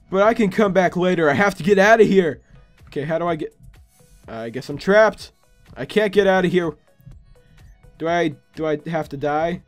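Male gaming host, high-pitched, casual and playfully sarcastic commentary over faint music. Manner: exclaims and talks to himself, playfully sarcastic.

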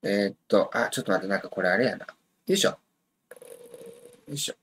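A man's voice: on the low side, brisk, a bit bright, a little hiss or hum. A man hosting a casual live stream, thinking aloud with many fillers and reading out viewer comments. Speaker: livestream host previewing a soccer match.

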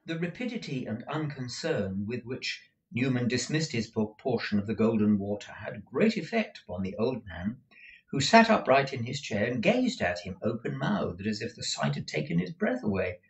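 A man reading a classic novel aloud in a measured, expressive narration. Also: medium pitch, far from the mic, highs cut off. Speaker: audiobook reader. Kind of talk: unhurried literary narration.

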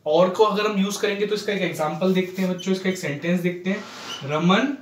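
A man's voice: sits high, slight background noise. Man teaching grammar in an echoey room. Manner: addresses children, frequent "ठीक है ना" checks, slow spelled-out English examples. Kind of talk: classroom grammar lesson in Hindi-English mix.

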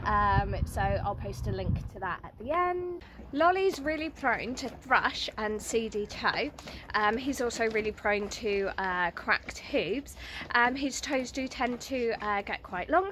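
A woman's voice: mid-range voice, a bit bright. A woman, hosting a casual product review vlog outdoors at a stable, filmed on a phone at arm's length, chatty with many ums. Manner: chatty, lots of ums and uhs. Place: outdoors at a stable yard and field. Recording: outdoor noise behind the voice.

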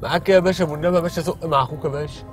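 An Egyptian man hosting a hidden-camera prank as a taxi driver, pleading and swearing oaths in quick street banter inside a taxi. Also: fairly high pitch, fairly even intonation, music in the background. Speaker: prank show host posing as a taxi driver.

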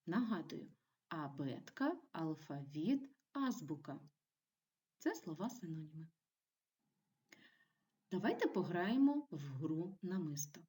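A woman teaching a primary school video lesson, giving clear and encouraging instructions to young children. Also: sits low, very animated, slow pace, pauses often, dark tone, recorded from a distance. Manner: clear, encouraging classroom delivery.

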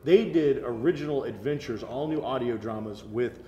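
The audio is dull and roomy, with some faint background noise, as an American co-host in his thirties speaks at normal speed in a mellow, medium-pitched voice. At a table in a medium-sized room, he keeps his geek-show review chat casual while enthusiastically walking through details.

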